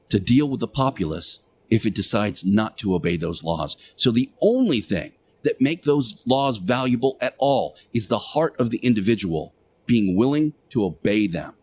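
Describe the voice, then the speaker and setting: A man playing Jesus Christ as an earnest, admonishing radio teacher, delivering a moral monologue with emphatic, deliberate pauses. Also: mid-range voice, darkish tone, breathy edge. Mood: stern, exhorting. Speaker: radio show host.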